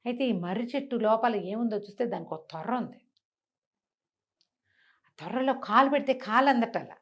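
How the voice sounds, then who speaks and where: Expressive and on the high side, a woman's voice carries a fantasy folk tale at normal speed. She's a web show storyteller whose chatty telling is full of rhetorical questions and repetition.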